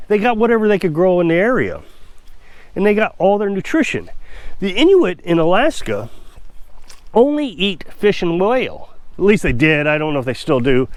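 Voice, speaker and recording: On a recording with no room sound, a Missouri man with a congested, high-ish voice rambles to the camera. He's an off-grid homestead vlogger with a cold, chatty, opinionated and sure of himself.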